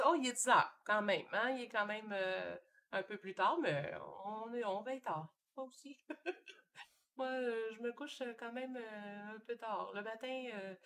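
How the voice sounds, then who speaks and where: There's slight background noise behind this woman's medium-pitched voice. She's a painter with a Québécois French accent, live streaming from her home studio and chatting in a relaxed way while thinking aloud, filler words throughout.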